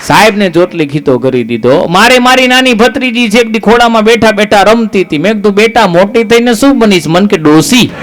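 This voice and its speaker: Male stand-up comic, high voice, storytelling jokes on a live stage. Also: fairly quick, few pauses, a bit bright, a faint crowd, slight background noise. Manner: storytelling jokes with quoted dialogue. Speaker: stand-up comedian.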